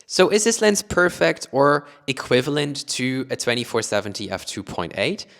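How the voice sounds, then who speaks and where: A lively man from Luxembourg reviews lenses for his photography YouTube channel, addressing the camera at a moderate pace in a medium pitch. He has an international accent mixing Luxembourgish with British-taught English, and his explanations are peppered with "let's say" and "additionally."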